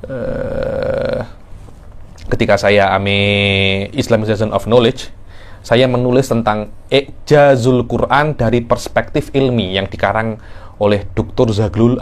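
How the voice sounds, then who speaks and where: Middle-aged man lecturing with emphatic rises. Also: medium pitch. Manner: explanatory, repeats words, rising emphasis on key points. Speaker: religious teacher. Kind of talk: classroom lecture.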